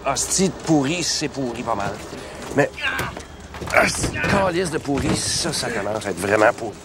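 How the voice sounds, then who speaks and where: Actor doing a québécois cop explaining swears, amused, noisy film clip. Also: male voice, on the low side, moderate pace, natural voice. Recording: film clip with loud noise.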